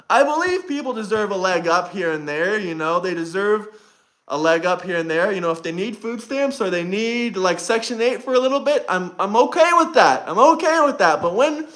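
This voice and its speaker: A brash young man hosting a live stream, talking straight to his chat and repeating his points. His voice sits very high for a man and rings bright and forceful. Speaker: livestream host. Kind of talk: casual livestream chat.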